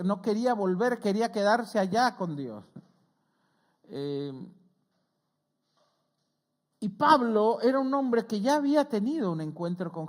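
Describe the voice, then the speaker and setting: A middle-aged man, a pastor preaching a conversational sermon who often checks in with his listeners and rises in pitch and volume when he quotes scripture. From Argentina. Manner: earnest, conversational preaching with frequent "¿sí?" check-ins.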